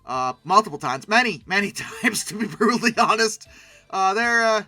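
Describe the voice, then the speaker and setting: With a medium-pitched voice at a moderate pace, a host riffs casually and humorously on pictures, wandering into asides and erupting in lively, mock-outraged exclamations. Soft music plays in the background, and there's no echo.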